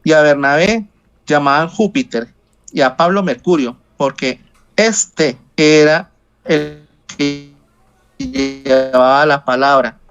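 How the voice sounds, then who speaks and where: A man reading scripture aloud in a Bible study over a video call, slow and halting, with slips he corrects. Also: a little high, clean tone, muffled recording, soft background music.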